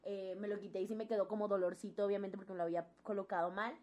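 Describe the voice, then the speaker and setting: A woman's voice: mid-range voice, racing. A young woman with a Mexican accent, telling a personal story in casual chat and acting out the voices of the people in it. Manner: animated storytelling, acts out quoted voices.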